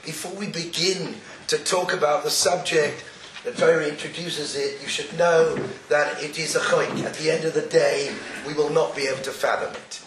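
A croaky-voiced man delivers a religious lecture, explaining deliberately and quoting Hebrew. His voice is a little high for a man. It comes from some distance in an echoey room, on a noisy recording. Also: steady tone, fairly bright tone. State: croaky, getting over an illness.

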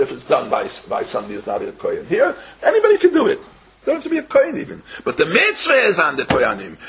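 Older rabbi guy w teaching, gravelly, swings up and down a lot, bit of noise. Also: a little high, a bit bright, rough recording. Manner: repeats phrases, poses questions and answers them. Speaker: rabbi giving a Torah lecture. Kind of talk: informal religious lecture with stories and Hebrew quotes.

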